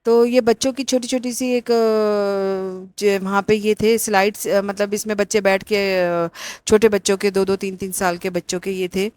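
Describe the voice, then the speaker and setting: Middle-aged woman vlogger, chatty and rambling, dry close sound, mid-pitched. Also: flat delivery, darkish tone, dry recording. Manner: chatty, rambling with many fillers. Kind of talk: casual vlog narration.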